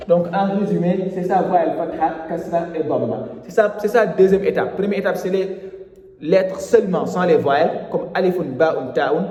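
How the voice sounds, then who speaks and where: A man gives a step-by-step reading lesson, mixing French and Wolof. His voice sits a little high yet sounds dark and mellow. The room rings with a long, echoing reverb. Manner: patient, repeats and spells out each step. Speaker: Quran reading teacher.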